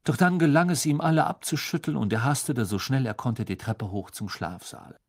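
Ein Mann liest ein Hörbuch ausdrucksvoll und dramatisch vor. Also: male voice, medium pitch, normal speed, no echo, studio quality. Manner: expressive, dramatic storytelling. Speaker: audiobook narrator. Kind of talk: scripted audiobook narration.

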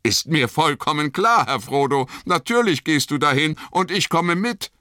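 A man's voice: a little high, animated, moderate pace, sharp tone, no echo, clean studio sound, voice pushed up. A man voicing a loyal, anxious male hobbit servant who pleads and stubbornly insists in a strained, pressing voice.

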